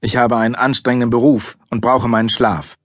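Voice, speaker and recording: A man's voice: mid-range voice, little pitch movement, brisk, no echo, clean studio sound, lightly acted. A man voicing a strict, impatient father who scolds his son. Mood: grumbling. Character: annoyed strict father, middle-aged man.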